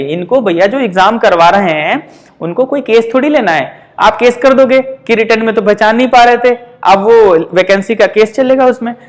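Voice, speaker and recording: A man with a Hindi accent teaching English grammar for exam prep, explaining patiently with frequent checks and slow example sentences. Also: very high-pitched.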